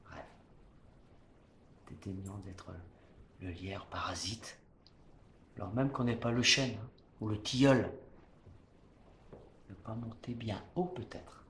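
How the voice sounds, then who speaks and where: A defiant, scornful poet-swordsman played by a male stage actor delivers classical verse in a hammy, theatrical way. He takes his time over the words and moves between hushed and booming. The room rings around him, with faint noise underneath. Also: a little slow, long pauses, lightly acted. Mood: quiet pride. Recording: roomy echo, faint background noise.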